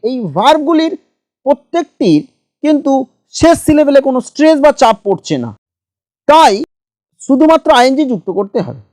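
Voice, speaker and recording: High-voiced woman spelling out grammar rules. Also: sing-song, mellow, dry recording, studio quality. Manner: slow, methodical, spells words letter by letter. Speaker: English grammar teacher. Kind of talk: grammar lesson.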